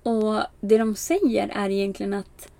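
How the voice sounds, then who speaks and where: A young woman casually telling a story, animated, with many fillers, acting out the lines of people she quotes. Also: mid-range voice, creaky, no echo. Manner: animated, acts out quoted exchanges with bright raised voice; frequent filler "bara" and "liksom", laughs at herself.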